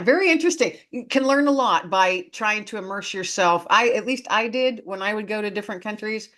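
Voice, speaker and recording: A woman's voice: medium pitch, a bit bright. A woman with an American accent, chatting casually as a conversation host. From northern United States. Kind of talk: casual chat.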